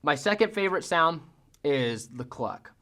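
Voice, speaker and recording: A man's voice: on the high side, lively intonation, unhurried, bright, forceful tone. A man giving a casual how-to lesson as a hunting-call instructor, talking in a folksy way. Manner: folksy, mimics sounds with vocal demonstrations.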